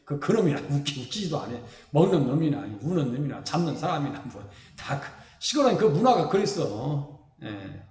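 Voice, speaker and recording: A man from South Korea delivers a lively, folksy sermon in a high voice. He keeps asking the congregation questions and playfully acts out the people he describes. Everything rings through a church sanctuary with a long, echoing reverb. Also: normal speed. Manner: folksy, animated preaching with rhetorical questions to the congregation. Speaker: pastor. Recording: echoey hall with long reverb.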